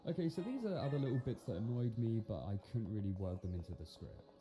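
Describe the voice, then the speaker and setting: A man's voice: fairly low pitch, expressive, fast talker, warm tone. A man giving scripted film review commentary in a sarcastic, incredulous manner. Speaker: video commentator and film critic. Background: music.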